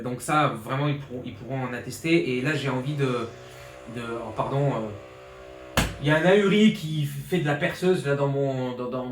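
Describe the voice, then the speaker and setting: A man's voice: medium pitch, reverberant. A man, a fitness coach talking through his year in an informal vlog, rambling with many restarts and fillers, fired up. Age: 20s. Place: his flat in an apartment building. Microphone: borrowed pro journalist mic.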